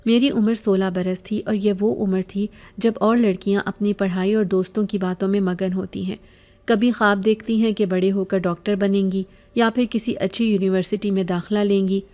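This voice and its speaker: A woman narrating a scripted first-person horror story in a measured, even way. Her voice is mellow and warm, with a middle pitch.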